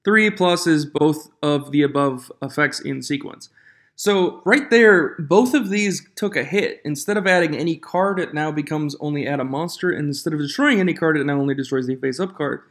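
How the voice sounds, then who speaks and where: A man's voice: on the high side, moderate pace, a bit bright. A man hosting his own channel, chatting casually about rule changes in an echoey room away from his usual studio, on a different microphone, reading rule text aloud and getting worked up. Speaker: channel host. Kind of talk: casual commentary reviewing game rule changes.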